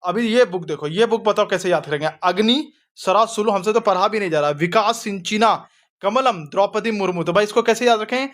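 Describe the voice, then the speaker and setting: A man with a high, light voice teaches an exam revision lesson. He keeps asking his students quick questions and answers them himself. His tone is chatty and informal, and he calls his listeners "brother". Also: fairly bright tone. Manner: chatty, addresses students as bhai.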